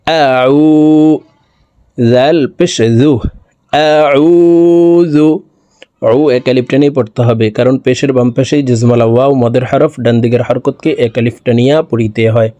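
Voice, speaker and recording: A man teaching Quran recitation, spelling out each verse letter by letter, then chanting the words slowly and melodically between brisk explanations. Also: medium pitch, steady tone, warm tone, no room sound.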